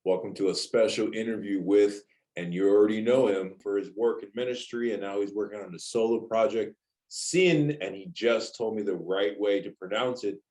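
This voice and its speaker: Chatty rock show host guy, kinda low voice, upbeat and laughing a lot. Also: moderate pace, darkish tone. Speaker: interview host. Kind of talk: casual interview hosting.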